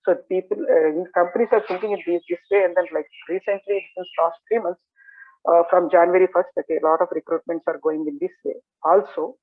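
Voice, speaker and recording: A man's voice: sits high, steady tone, fairly quick. A man from Andhra Pradesh with a Telugu Indian English accent, a native Telugu speaker, teaching in a casual live Q&A and often dropping in "okay" and "like". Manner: repeats "okay" and "like" as verbal tics. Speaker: software trainer answering questions. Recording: tinny narrow phone-like call audio.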